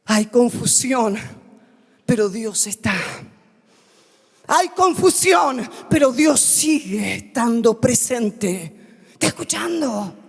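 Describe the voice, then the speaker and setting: A woman pastor preaching a sermon, calling out loud and then dropping suddenly to quiet asides. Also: fairly high pitch, animated, slow pace, creaky, slightly rough, long reverb tail. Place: church.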